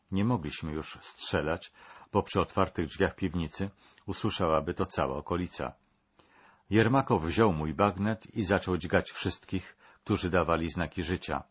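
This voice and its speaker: Man reading as a soldier telling it flat and matter-of-fact, deep husky voice, dull lo-fi sound. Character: male soldier giving grim testimony.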